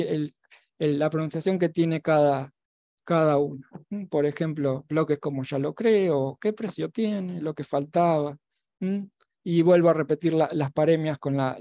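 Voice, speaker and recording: A man giving an academic talk as a lecturer at a virtual symposium. He pauses and restarts often, with many fillers and tag questions. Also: a little high, warm tone, no echo, clean studio sound. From Argentina. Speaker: university lecturer.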